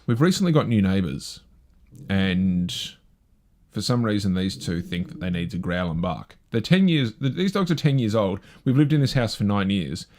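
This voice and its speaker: Male live-show host, slightly low, rambling and casual. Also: sing-song, normal speed, darkish tone. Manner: rambling, chatty, self-deprecating.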